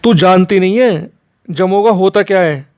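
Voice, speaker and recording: A man's voice: sits high, unhurried, darkish tone, no echo, studio quality. Man voicing a stern village mother-in-law. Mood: stern warning. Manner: scolding, warning.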